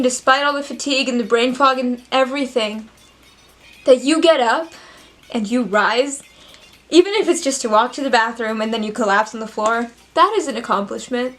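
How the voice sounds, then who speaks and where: A woman's voice: high-pitched, a bit bright. A young woman answering viewer questions in a casual vlog, candid, chatty and earnest. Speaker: vlogger.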